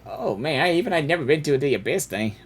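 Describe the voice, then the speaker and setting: A woman gamer reacts to a story quest, rambling casually, repeating words and exclaiming as she plays. Her low voice swings widely in pitch and moves fast, with game music in the background.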